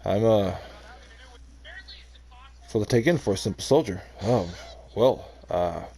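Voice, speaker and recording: Man voicing Madvar, a gravelly wary soldier. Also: on the low side, measured pace, warm tone. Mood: taken aback. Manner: probing, skeptical questions with hesitant fillers. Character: wary adult male forest soldier, questioning and suspicious.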